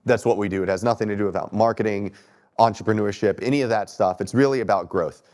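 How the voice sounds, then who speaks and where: Lowish, fast, and a little mellow, the voice belongs to a thirty-something keynote speaker from Texas with a Texan accent. He sounds stuffy from allergies and gives a conversational, self-deprecating conference talk from a lecture hall stage, asking the audience questions.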